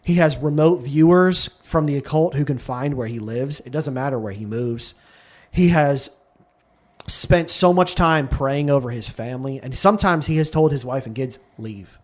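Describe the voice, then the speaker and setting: A man co-hosting a podcast, casually retelling a guest's story in an animated way. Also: medium pitch, normal speed. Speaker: podcast co-host. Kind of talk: casual chat.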